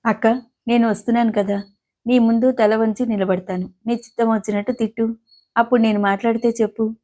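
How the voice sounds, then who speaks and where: A woman's voice: fairly high pitch, steady tone, fairly quick, mellow, lightly acted. A woman reading as a playful chatty young woman. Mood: apologetic. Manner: eager, chatty.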